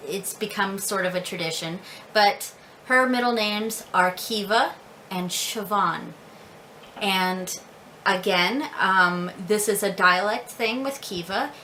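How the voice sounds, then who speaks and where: Slow, bright-voiced American woman. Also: medium pitch, slight background noise, low-quality recording. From United States. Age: adult with several children. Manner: laughs often, slow and careful, repeats words. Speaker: Irish language learner. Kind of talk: casual video lesson.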